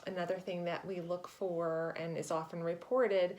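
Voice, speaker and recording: Lower-pitched woman, measured and tactful. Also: level tone, darkish tone. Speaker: hospice nurse being interviewed. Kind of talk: explanatory interview conversation.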